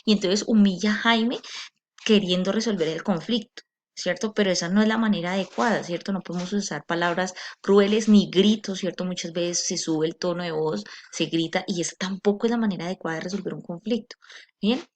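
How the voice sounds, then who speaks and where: Brief: low-voiced woman teacher, patient recorded lecture, constant tag-question check-ins. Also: fairly quick. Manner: patient, explanatory. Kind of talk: recorded online class lecture.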